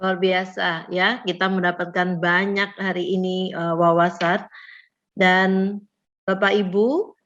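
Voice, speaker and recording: A woman's voice: mid-range voice, fairly bright tone. A woman moderating a webinar over a video call, politely guiding the speakers. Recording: dull lo-fi audio.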